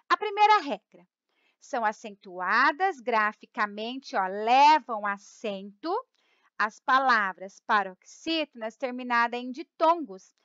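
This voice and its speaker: A woman teacher with a Brazilian accent giving a grammar lesson, explaining slowly, repeating the rules, stretching key words and often checking in with her students. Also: sits high, a bit bright, clear, resonant tone, dry recording, lo-fi sound. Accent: Brazilian Portuguese. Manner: keeps checking in with "tá?" and "ó". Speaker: Portuguese teacher.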